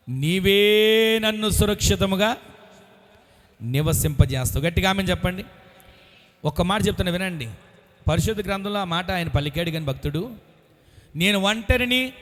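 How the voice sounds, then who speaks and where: Male preacher, high-pitched, fervent amen calls, reverberant church hall. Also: fairly bright tone. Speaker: pastor. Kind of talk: sermon. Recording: long echo of a large church hall.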